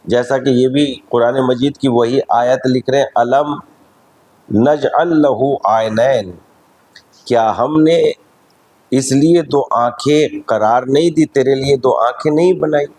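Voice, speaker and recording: A man with an Indian Urdu accent, a cleric giving a measured, teacherly religious lecture at a majlis. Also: mid-range voice, steady tone, a little mellow, poor audio.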